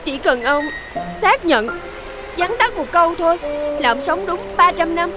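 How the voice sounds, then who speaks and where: An actress playing a devoted young wife, with a Southern Vietnamese accent and a pleading, emotional manner. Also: female voice, very high voice, lively intonation, a little slow, loud music behind the voice. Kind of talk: TV fairy-tale drama acting.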